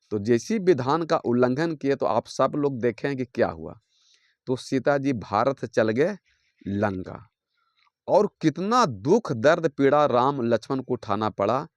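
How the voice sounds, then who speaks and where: A man preaching a devotional sermon at a middle pitch. He builds his points in rhythmic, repeated lists and explains them with homely everyday examples. The sound is dry and close, with little room around it. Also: dry recording.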